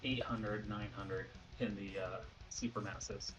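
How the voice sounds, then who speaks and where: A tired man joining in on voice chat with quick, offhand casual banter. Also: on the low side, steady tone, over music, low-quality recording. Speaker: friend in voice chat.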